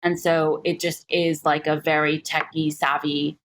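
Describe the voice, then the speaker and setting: A woman in her thirties from Singapore, an investor guest talking through her career in a podcast interview, reflective and thinking aloud with many pauses. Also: low-pitched, flat delivery.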